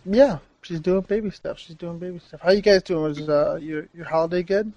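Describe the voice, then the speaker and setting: A man co-hosting a gaming podcast, talking in an energetic, excitable way. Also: high voice, a little fast, dry recording, dull audio. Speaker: podcast co-host. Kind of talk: casual chat.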